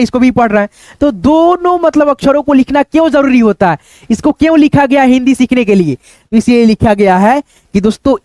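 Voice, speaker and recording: A young man teaching Hindi reading in a casual spoken lesson, repeating sounds and words slowly and calling to his viewers as friends. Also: extremely high pitch, a little mellow, no echo. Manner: repetitive, drills words slowly, coaxing "dosto".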